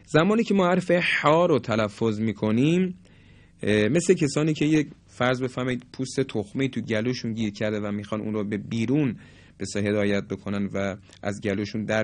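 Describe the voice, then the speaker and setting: A man's voice: medium pitch, no echo. Guy teaching quran pronunciation, stretches out each example word, dry sound. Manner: explains, then drawls example words slowly and clearly. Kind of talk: tajweed pronunciation lesson.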